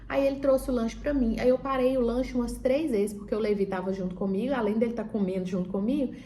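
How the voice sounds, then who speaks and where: This vlogger's birth story comes out at a quick pace in a steady, mellow voice that sits on the high side, with a slight hiss or hum in the background. Chatty and casual, she plays out the conversations as she goes, filling them with fillers.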